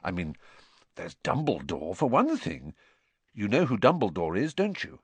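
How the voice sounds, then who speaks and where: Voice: deep voice, wildly swooping pitch, moderate pace, breathy edge, dry recording, exaggerated voice. A performer voicing an earnest, anxious young schoolboy in a storybook, urgent and a little hesitant. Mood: puzzled, urgent. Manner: urgent, hesitant, stammering when upset.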